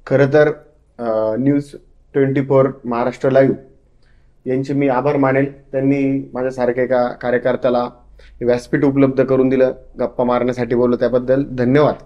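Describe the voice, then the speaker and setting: A man's voice: medium pitch, level tone, brisk, lo-fi sound. Earnest young man in an echoey room. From Maharashtra. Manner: earnest, loyal, with hesitant restarts. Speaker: political party worker, interview guest. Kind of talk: interview answers.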